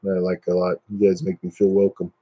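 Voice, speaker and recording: A man's voice: sits low, monotone, a little fast, husky, highs cut off. A man in his fifties hosting a casual live stream, chatting and joking at his own expense. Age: 50s. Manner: joking, self-mocking, chatty.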